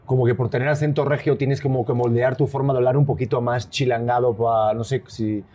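Male podcast host, Spanish accent, husky dark voice, rapid chatty delivery. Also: medium pitch, steady tone. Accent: Spanish (Spain). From Spain. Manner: quick, chatty, passionate talker. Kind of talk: casual podcast chat.

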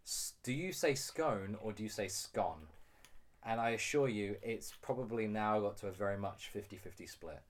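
British male co-host, lowish voice, chatty rambling explainer who laughs a lot. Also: brisk, few pauses. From United Kingdom. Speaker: podcast co-host. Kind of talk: casual chat.

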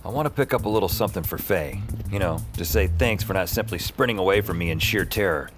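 Over music, an actor with a low, natural voice speaks fast as a wry, self-deprecating young man recounting his strange adventures. It's first-person scripted audio drama narration delivered in a dry, conversational style.

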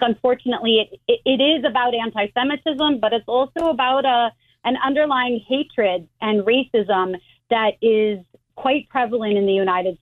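Woman rabbi on a tinny phone line. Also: fairly high pitch. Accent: American. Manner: measured, explanatory, many restarts. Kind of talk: phone interview.

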